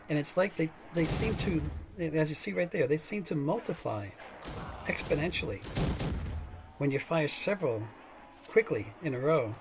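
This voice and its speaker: A man's voice: mid-range voice, vocal fry, slight background noise. A man hosting a gaming channel, giving casual, rambling gameplay commentary full of fillers and restarts.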